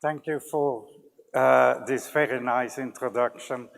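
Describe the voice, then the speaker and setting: An older man from Belgium opening a public science lecture in a relaxed, lightly humorous way. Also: medium pitch, measured pace, vocal fry. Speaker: physics lecturer. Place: large lecture hall. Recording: lecture hall with long reverb.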